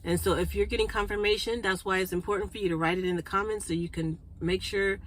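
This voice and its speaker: A woman's voice: mid-range voice, steady tone, fast, a little hiss or hum, rough recording. Congested woman doing a chatty card reading. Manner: chatty, checks in with viewers with frequent "okay?". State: congested, clearing throat and coughing. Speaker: spiritual card reader and channel host. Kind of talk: casual spiritual card reading to viewers.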